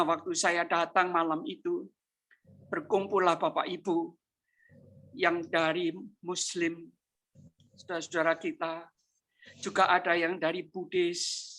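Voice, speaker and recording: Slow, bright-voiced male preacher. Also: high voice. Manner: slow, anecdotal, often turns to address the congregation. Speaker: pastor. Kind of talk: sermon with storytelling.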